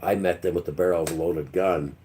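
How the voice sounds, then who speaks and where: A man's voice: low-pitched, steady tone, a little fast, warm tone, a little hiss or hum. A man hosting a live stream, rambling in a loose monologue and acting out quotes in mock voices. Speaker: livestream host.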